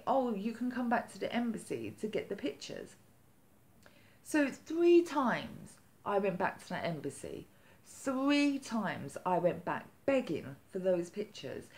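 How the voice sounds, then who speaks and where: A woman vlogger telling a story in casual chat, animated and chatty, acting out the quotes with lively jumps in her voice. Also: medium pitch. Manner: chatty with many "like" fillers.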